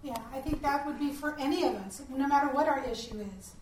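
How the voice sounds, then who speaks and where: A high-voiced middle-aged woman speaks earnestly on a panel, heartfelt and pausing to find her words. She is picked up from a distance in an echoey room. A faint hiss sits under her voice. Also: a little mellow. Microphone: distant room mic.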